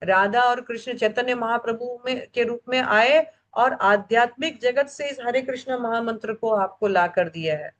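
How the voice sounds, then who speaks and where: Fairly high-pitched and at a normal speed with few pauses, a woman guides her devotional study group through scripture. She's emphatic, repeating important phrases three times, and blends in English words.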